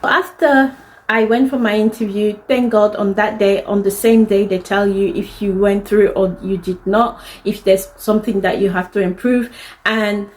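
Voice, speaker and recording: A woman's voice: mid-range voice, darkish tone, low-quality recording. Earnest French-speaking woman telling her story. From DR Congo. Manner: earnest, candid and heartfelt. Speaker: fashion designer telling her life story. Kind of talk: personal story to camera.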